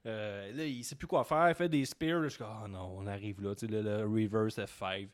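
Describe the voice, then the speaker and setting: A man's voice: on the low side, fairly quick, smooth. A young man with a Quebec French accent co-hosting a casual wrestling podcast, retelling matches animatedly. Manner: animated storyteller, acts out wrestlers' lines. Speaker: podcast co-host. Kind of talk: casual chat.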